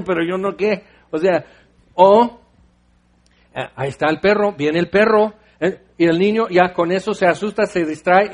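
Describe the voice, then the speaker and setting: A man preaching a sermon in a conversational way, acting out little scenes in different voices. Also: a little high.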